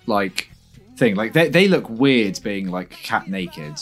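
A man co-hosting a podcast, chatting casually about a film, animated and laughing often. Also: lowish voice, slow pace, soft background music. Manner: animated, laughs often, drops into quiet asides. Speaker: podcast co-host.

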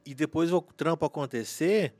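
Animated male storyteller, dry close sound. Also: fairly high pitch, normal speed, dry recording. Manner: animated, acts out quoted voices in anecdotes. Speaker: guest saxophonist and teacher. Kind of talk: casual podcast storytelling.

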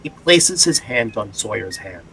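Bright, animated male drama narrator. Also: fairly low pitch, measured pace, vocal fry, slight background noise, low-quality recording. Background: background music.

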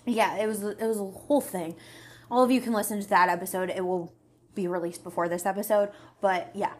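A woman's voice: mid-range voice, fairly even intonation, a little fast, a little mellow. Chatty young woman podcast host. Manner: chatty, frank about dating, lots of fillers. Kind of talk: casual chat.

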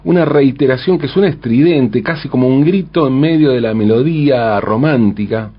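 A man's voice: medium pitch, normal speed, husky, dull audio. A man, talking through a song's lyrics in a thoughtful way, often asking rhetorical questions. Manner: thoughtful, frequent rhetorical "¿no?", self-corrections. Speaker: commentator analyzing song lyrics. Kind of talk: spoken lyric analysis, measured and reflective.

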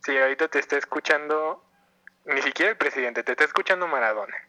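A man's voice: a little high, fast talker, sharp tone, rough recording. A man, co-hosting a podcast and playfully egging the others on. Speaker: podcast co-host.

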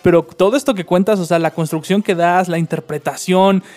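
A man, interviewing a guest in a relaxed, admiring way. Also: high voice, brisk. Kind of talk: casual interview chat.

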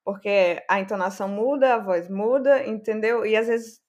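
A Brazilian woman co-hosting a podcast, speaking in a relaxed, conversational way. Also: medium pitch, normal speed. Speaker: podcast co-host. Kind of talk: casual conversation.

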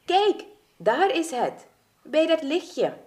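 A woman's voice: a little high, sing-song, slow, darkish tone, pitched above the performer's own voice. A woman voicing a wounded male stork who gives urgent, commanding calls.

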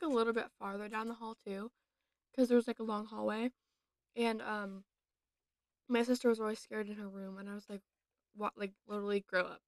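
A woman's voice: medium pitch, no echo. A young woman co-hosting a podcast, telling a story casually and filling it with "like" and "um". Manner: chatty, many fillers and likes. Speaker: podcast co-host.

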